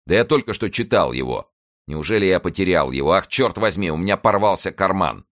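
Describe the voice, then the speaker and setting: A man playing a wily, commanding middle-aged musketeer with a brisk, blustering manner. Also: low voice, expressive, fairly bright tone, voice pushed up. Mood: reassuring.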